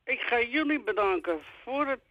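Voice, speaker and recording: A woman's voice: a little high, lively intonation, moderate pace, no room sound. An older woman, chatting casually as a radio caller in a folksy, teasing way over the phone. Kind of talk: casual chat. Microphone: telephone. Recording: dull lo-fi phone line.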